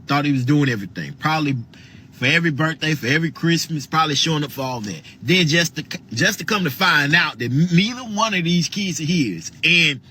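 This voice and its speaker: Bright-voiced man giving forceful commentary. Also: fairly high pitch, lively intonation, a little fast, a little hiss or hum. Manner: forceful, repeats words for emphasis. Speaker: commentator in a reaction clip. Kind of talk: opinionated commentary.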